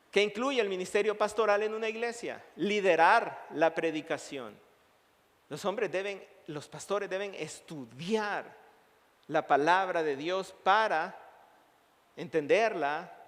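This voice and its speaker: A man's voice: sits high, fairly bright tone. A male pastor preaching a sermon, emphatic, building his points through long repeated lists. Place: church sanctuary. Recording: long reverb of a church hall.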